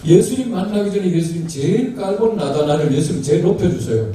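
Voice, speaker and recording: A man's voice: high-pitched, animated, fast, mellow. Older man pastor telling a story in an echoey hall. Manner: storytelling, acts out dialogue, chuckles. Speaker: pastor giving a lecture. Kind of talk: anecdotal sermon talk. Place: large hall at a retreat. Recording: distant mic in a very echoey hall, faint noise.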